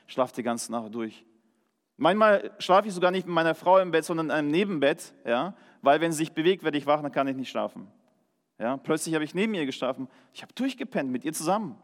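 A man with a high voice delivers an earnest, emphatic sermon built around a personal testimony. He keeps drawing in his listeners with short questions as he goes. His voice carries a long, ringing reverb from a church hall. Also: animated, a little fast. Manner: checks in with listeners with a frequent "Ja?". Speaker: preacher.

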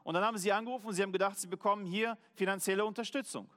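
High-voiced German pastor in a reverberant hall. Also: male voice, fairly even intonation, a bit bright. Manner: earnest, slows down to stress key words. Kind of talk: sermon.

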